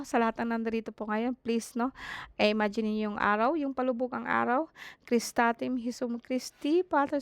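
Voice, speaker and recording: A hoarse woman giving a spiritual tarot reading, speaking politely and often ending phrases with a questioning "no?". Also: medium pitch, dry recording. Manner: polite, fills pauses with "no?". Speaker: tarot reader.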